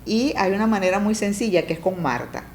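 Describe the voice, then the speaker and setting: A middle-aged family coach speaks briskly in a relaxed conversational interview, her voice warm and mellow over a faint background hiss. She explains step by step, keeps checking that her listener is with her, and acts out conversations between parents and kids with lively pitch jumps.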